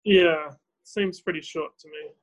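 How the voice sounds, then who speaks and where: A man's voice: a little high, steady tone, a little slow. A man co-hosting a podcast in casual chat, brief and matter-of-fact. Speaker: podcast co-host.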